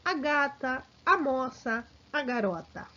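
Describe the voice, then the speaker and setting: Slow, lively-pitched woman teaching grammar. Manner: slow and deliberate, checks in with frequent "sim?". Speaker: language teacher. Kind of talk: grammar lesson. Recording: dull lo-fi recording.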